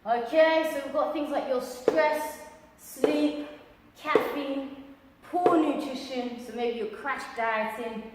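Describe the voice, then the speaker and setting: A woman's voice: high-pitched, slow. A woman giving a casual fitness talk as a coach, bubbly and cheeky, with whoops and asides. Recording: echoey hall with faint noise.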